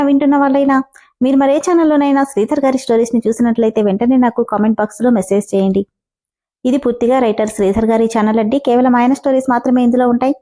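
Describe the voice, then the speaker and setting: A woman storyteller with a fairly high, mellow voice, reading a serialized story aloud. She speaks to her listeners directly and in a friendly way. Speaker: storyteller and channel host.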